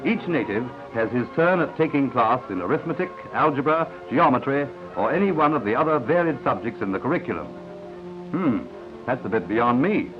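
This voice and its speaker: A man's voice: medium pitch, lively intonation, brisk. A man narrating an old 1950s newsreel in a confident announcer style, with asides to the viewer. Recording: dull lo-fi 1950s newsreel soundtrack. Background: newsreel music.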